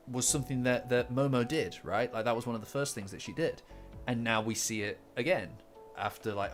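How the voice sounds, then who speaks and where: A man hosting a casual livestream, rambling with many fillers, repeated words and restarts. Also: medium pitch. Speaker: manga commentary livestream host. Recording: faint lofi music behind. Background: faint lofi guitar music.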